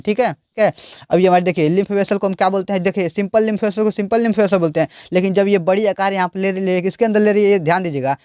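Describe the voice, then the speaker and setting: A man's voice: high-pitched, darkish tone, smooth, dry recording, lo-fi sound. A man teaching biology, explaining a diagram and repeatedly asking the class questions.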